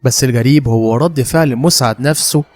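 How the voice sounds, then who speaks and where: A man with an Egyptian accent narrating a first-person drama story in a steady, conversational way. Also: mid-range voice, a little fast, faint music behind. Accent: Egyptian Arabic.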